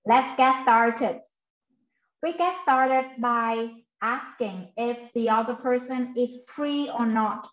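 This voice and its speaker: High-voiced woman drilling English phrases. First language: Vietnamese. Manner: slow, careful drilling of example sentences, repeating each one. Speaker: English teacher. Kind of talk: online language lesson. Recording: roomy, slightly muffled sound.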